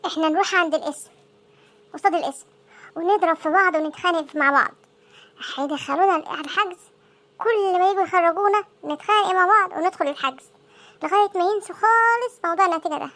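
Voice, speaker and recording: A woman doing squeaky, frantic cartoon teens. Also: quick pace, fairly bright tone. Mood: panicky. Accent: Egyptian Arabic. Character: panicky teenage students dreading exam results. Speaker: voice actor for a comic cartoon. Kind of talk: comic cartoon dialogue.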